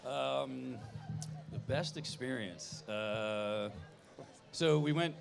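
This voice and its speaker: A man's voice: mid-range voice, very slow, creaky, faint music behind, some chatter behind. A man with a Philadelphia accent, talking casually as a guest in an informal conversation. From Philadelphia area, US. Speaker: guest, business co-owner. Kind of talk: casual chat.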